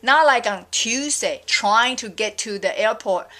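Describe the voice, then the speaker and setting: A middle-aged Taiwanese vlogger rants casually about her views, exasperated and rambling with many fillers. Her voice is fairly high and sharp, with lively intonation, and her pace is unhurried.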